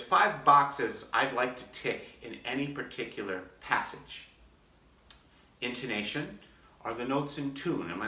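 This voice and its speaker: A man, an orchestra concertmaster, calmly and methodically explaining his practice routine in a casual demonstration. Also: mid-range voice, a little hiss or hum. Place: practice room, filmed on a phone. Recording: echoey room, mic at a distance.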